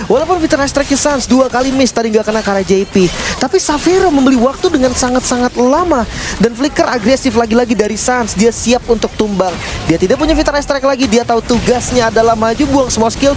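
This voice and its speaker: A man's voice: extremely high pitch, expressive, a little fast, music in the background. A man giving casual, colloquial analysis as co-commentator on a live esports match. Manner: colloquial, repeats short agreeing phrases.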